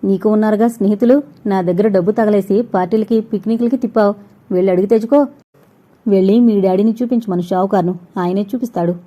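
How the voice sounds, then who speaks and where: A woman's voice: mid-range voice, steady tone, quick pace, warm tone, natural voice. A woman reading the lines of a stern young husband, a doctor who scolds and lectures his wife.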